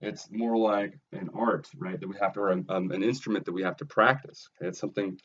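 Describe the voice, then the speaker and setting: A man's voice: low-pitched, a little fast, a bit bright, highs cut off. A man lecturing on philosophy in a recorded video lesson, earnest and emphatic, often checking in with "right?" and "okay?".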